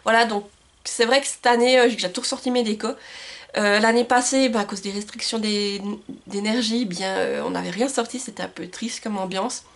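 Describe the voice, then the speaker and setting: A woman's voice: medium pitch, fairly even intonation, fairly quick, gravelly. A woman talking casually to camera about her books at home, with lots of fillers and restarts. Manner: chatty, many fillers and restarts. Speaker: book vlogger. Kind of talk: casual book haul chat. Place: home room with bookshelves and Christmas lights. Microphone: camcorder mic.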